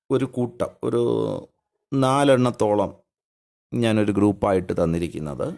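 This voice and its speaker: A Malayali man giving a classroom grammar lesson in a lowish, gravelly voice. His pitch rises and falls a lot as he works through examples. He poses questions and answers them himself with patient care. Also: darkish tone. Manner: patient, explains step by step, asks and answers his own questions. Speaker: English teacher.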